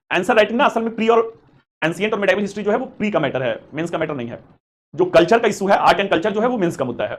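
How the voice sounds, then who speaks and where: A male history teacher runs a live class for exam aspirants, talking at a rapid clip in a fairly high voice. He is encouraging and chatty and calls his students beta. He slips English phrases into his explanations. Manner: mixes Hindi with English terms. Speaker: history teacher for civil service exam coaching. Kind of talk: live online class with chat questions.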